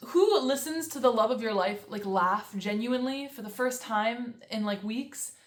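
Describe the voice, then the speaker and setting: A young woman vlogging a casual book review, ranting in an exasperated way with lots of fillers. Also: a little high. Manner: exasperated, fast, with many fillers and sarcastic quoted asides. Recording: echoey room.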